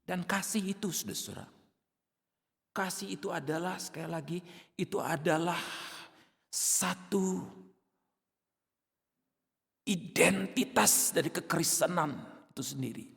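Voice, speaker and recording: A male pastor preaching a sermon in a dramatic way, now and then shouting out acted outbursts. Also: high voice, unhurried, gravelly, pauses often, in a large hall.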